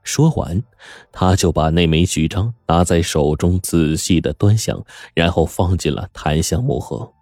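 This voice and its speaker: Low-voiced guy telling a story, dry close sound, soft music under it. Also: unhurried, no room sound. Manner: dramatic, swings into character voices. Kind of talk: scripted story narration.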